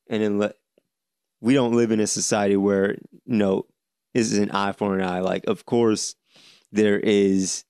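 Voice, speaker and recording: A man in his late twenties hosting a solo podcast, speaking earnestly with many halting restarts. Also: on the low side, dark tone, clean tone, dry recording, clean studio sound. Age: 20s. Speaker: podcast host.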